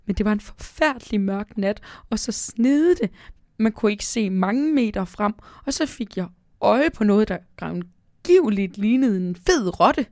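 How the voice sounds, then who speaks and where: A woman's voice: expressive, a little mellow, dry recording, studio quality, natural voice. A woman voicing an old, shortsighted owl who is embarrassed and apologetic, read for a children's storybook. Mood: sheepish. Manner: flustered and apologetic, high-pitched.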